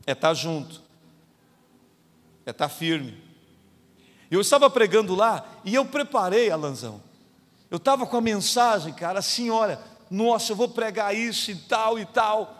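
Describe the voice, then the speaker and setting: Brief: high-voiced male pastor, Goiás Brazilian accent, emphatic storytelling sermon, long hall reverb. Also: animated, a little slow, pauses often, a bit bright. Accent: Brazilian Portuguese, Goiás. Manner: emphatic, storytelling preacher, rising to fervent peaks. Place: church sanctuary.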